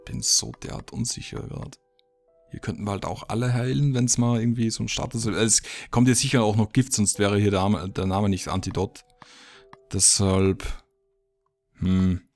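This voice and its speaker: Guy with a lowish voice doing a lets play, mumbling his thoughts, faint music under it. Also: steady tone, normal speed, gravelly. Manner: thinks aloud, mutters, reacts to the game. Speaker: let's play gamer. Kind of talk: casual gameplay commentary.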